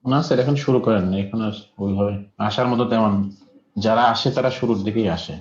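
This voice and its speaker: A man taking part in an online class, speaking quickly and casually. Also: fairly low pitch, steady tone. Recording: echoey, dull sound.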